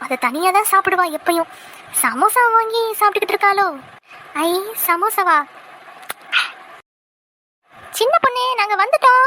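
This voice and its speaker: A woman voicing two loyal young women friends in a cartoon, teasing and quick to take offence. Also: very high voice, pushed and bright, a little hiss or hum. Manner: teasing, indignant. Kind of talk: cartoon voice acting.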